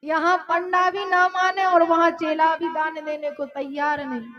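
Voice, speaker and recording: A woman storyteller delivers a devotional sermon in a very high, bright voice. She tells the story in a folksy, lively way, acting out the dialogue and sometimes singing. Devotional music plays clearly behind her. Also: unhurried, highs cut off. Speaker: katha storyteller.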